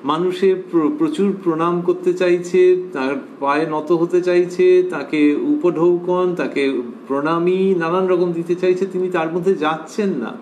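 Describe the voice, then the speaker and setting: A man lecturing on scripture in a measured, reflective devotional talk, repeating key phrases and pausing with drawn-out fillers. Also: high-pitched, steady tone, a little mellow, a little hiss or hum.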